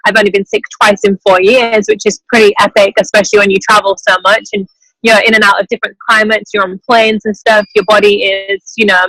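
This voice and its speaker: A woman's voice: medium pitch, level tone, brisk, a bit bright, no echo, low-quality recording. A woman in her twenties from England, enthusiastic and informal, giving a motivational testimonial on a call from an airport terminal. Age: 20s. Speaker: team member giving a testimonial on a group call. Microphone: group video call.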